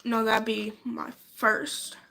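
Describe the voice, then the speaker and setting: A woman's voice: on the high side, flat delivery, slow pace, creaky, sharp tone, slight background noise, rough recording. A congested young woman hosting her channel, chatting eagerly and giggling about haunted places. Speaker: channel host. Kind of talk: casual chat.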